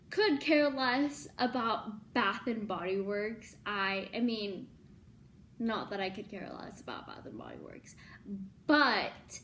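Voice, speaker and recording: A woman in her early twenties chatting casually to viewers in a vlog, full of ums and likes, getting excitable about things she loves. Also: on the high side, slight background noise. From born in Libya, Filipino. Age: 20s. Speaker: YouTuber.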